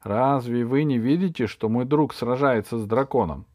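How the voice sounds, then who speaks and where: A man's voice: medium pitch, moderate pace, a little mellow, no echo, studio quality, natural voice. A male reader voicing a clever, brave young girl in an audiobook, speaking in an earnest, firm way. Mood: stern. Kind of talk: audiobook reading.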